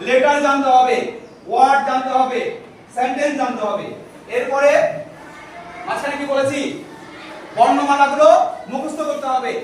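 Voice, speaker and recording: A man teaching a class, asking questions and having the students repeat answers back. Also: extremely high pitch. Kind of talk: classroom teaching, call and response. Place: large echoey classroom. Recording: echoey room, distant mic, noisy.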